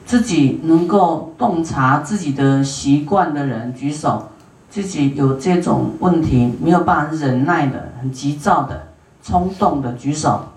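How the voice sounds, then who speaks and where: A female Buddhist teacher with a low, darkish voice delivers an unhurried dharma lecture, stretching out many "ah" fillers. She asks the audience questions and has them raise hands, heard from a distance in a roomy hall.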